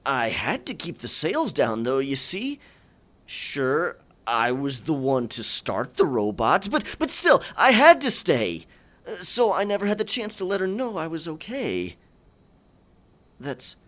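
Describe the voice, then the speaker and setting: Gravel-voiced and stammering, a man performs a theatrical, sentimental pirate captain in scripted audio roleplay, with archaic pirate phrasing and halting dramatic delivery. His pitch is medium and a bit bright.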